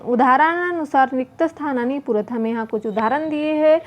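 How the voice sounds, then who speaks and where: A woman with a high voice teaches a children's workbook lesson. She reads word lists slowly and drags each word out, then explains it in plain terms. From India. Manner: slow, drawn-out word recitation.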